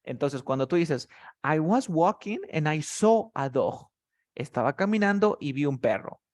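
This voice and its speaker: A man's voice: on the high side, animated, unhurried. A man teaching English vocabulary in a tutoring session, explaining words patiently step by step.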